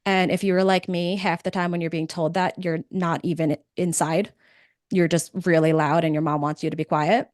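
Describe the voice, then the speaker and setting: A woman's voice: lowish voice, normal speed, no echo, studio quality. Chatty woman presenting a webinar. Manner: conversational, energetic, with frequent "um" fillers. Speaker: webinar presenter, podcast producer.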